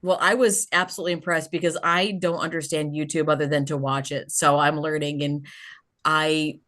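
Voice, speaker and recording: A woman's voice: sits low, steady tone, normal speed, fairly bright tone. A woman in her forties hosting a podcast, talking in a chatty, rambling way with lots of fillers. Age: 40s. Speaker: podcast host. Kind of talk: casual interview chat.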